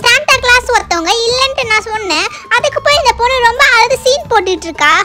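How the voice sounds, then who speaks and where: A woman's voice: very high-pitched, expressive, fast talker, bright, forceful tone, faint music behind, heavily acted. A woman voicing bratty doll-show girl Dora. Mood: scornful. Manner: scornful and stubborn. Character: spoiled, mocking, haughty young girl.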